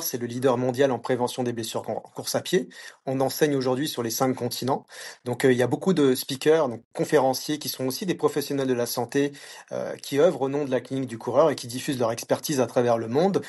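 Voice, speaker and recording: Parisian french guy on a podcast, easygoing, lots of ums and restarts, mid pitch. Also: quick pace, slightly rough. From France. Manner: relaxed, many hesitations and restarts. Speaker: podcast guest. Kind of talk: casual interview chat.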